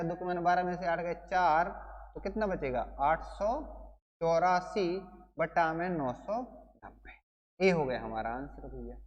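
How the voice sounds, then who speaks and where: A man's voice: high-pitched, in a large hall, lo-fi sound. A male teacher giving an exam coaching lesson, playful and chatty, who keeps calling his students brother and explains with wedding and party stories.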